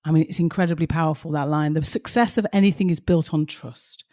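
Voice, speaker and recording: A woman co-hosting a casual podcast tells stories passionately and emphatically, her low, dark-toned voice moving fast and sounding slightly strained, as if she's losing it.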